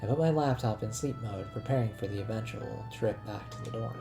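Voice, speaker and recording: A man reading a game's narration aloud in a measured, plain voice. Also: fairly low pitch, gravelly. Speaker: let's-play narrator. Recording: voice over game music.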